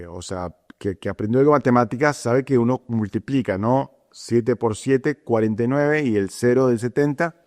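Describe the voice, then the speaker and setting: A man teaching a Bible lesson in a plain, mid-pitched voice. He talks conversationally, with fillers and frequent restarts, and keeps checking in with his listeners. His voice carries a long reverb from a big hall. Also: darkish tone. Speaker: preacher.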